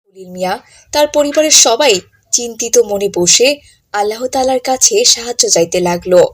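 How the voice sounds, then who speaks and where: A woman narrating a cartoon story in a calm, scripted storytelling manner. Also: fairly high pitch, normal speed.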